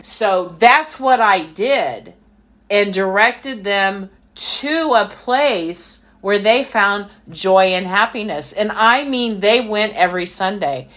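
A woman co-hosts a faith podcast in an unhurried, drawn-out way. Her voice sits at an ordinary middle pitch. She sounds earnest and reflective, as in casual conversation. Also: a bit bright. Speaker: podcast co-host.

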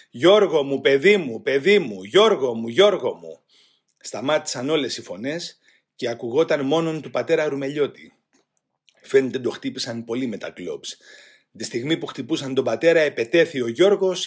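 An older man from Greece narrating his own memories in the first person, grave and emphatic, voicing the shouts he heard. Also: mid-range voice, breathy edge. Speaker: witness recounting prison-camp memories.

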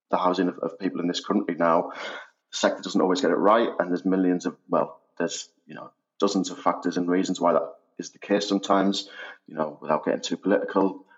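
Low-voiced Sunderland man, slightly muffled. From Sunderland, North East England. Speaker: podcast guest, housing operations head. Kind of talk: conversational interview answers. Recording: dull, muffled lo-fi audio.

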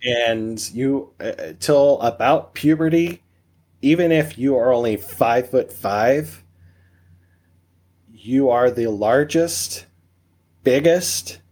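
Man, podcast guest, average pitch, emphatic, jokey, rhetorical questions. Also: slow pace, pauses often, darkish tone. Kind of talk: casual conversational interview.

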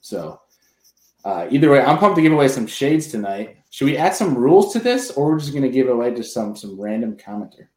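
A man's voice: mid-range voice, big pitch swings, fairly quick, darkish tone. A man hosting a live podcast in a casual, buddy-like way. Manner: informal, buddy-like address. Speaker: podcast host. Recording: roomy, echoing sound.

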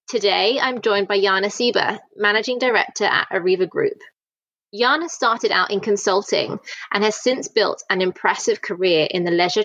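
A woman's voice: medium pitch, fairly bright tone, no room sound. A woman hosting a podcast and reading a polished, prepared introduction. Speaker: podcast host. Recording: dry muffled audio.

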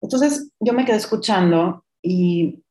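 Middle-aged woman, podcast host, candid confessional storytelling, lowish voice, echoey room. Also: unhurried, dark tone. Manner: reflective, confessional, mixes in English words. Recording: roomy echo.

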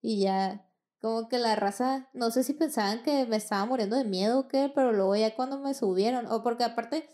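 A woman's voice: on the high side, fairly quick, darkish tone. Slangy Mexican woman telling a story. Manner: slangy and profane, acts out quoted dialogue. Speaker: podcast host. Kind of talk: casual storytelling.

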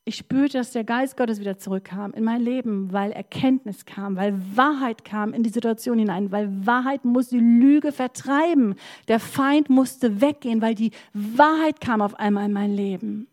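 Fervent woman pastor, slightly high voice. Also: moderate pace, a little mellow. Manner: passionate, emphatic preaching with personal storytelling. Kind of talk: sermon.

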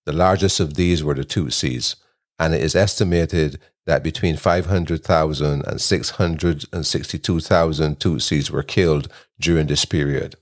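Very deep-voiced male podcast host. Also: steady tone, normal speed. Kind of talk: scripted podcast narration. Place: home kitchen.

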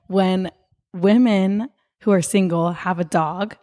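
Hoarse woman with laryngitis, giggly. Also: mid-range voice, fairly even intonation, takes it slowly, warm tone. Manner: giggly, casual, says "like" often. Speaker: podcast co-host and Pilates teacher. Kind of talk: casual chat.

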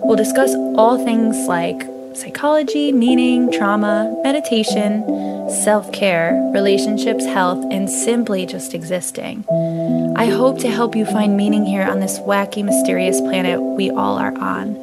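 A woman's voice: medium pitch, measured pace. A woman podcast host delivering a scripted, first-person introduction to her show. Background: loud music.

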